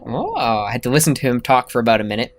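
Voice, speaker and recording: A man playing a tabletop game, chatty and given to halting restarts. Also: mid-range voice, animated, no room sound. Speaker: player.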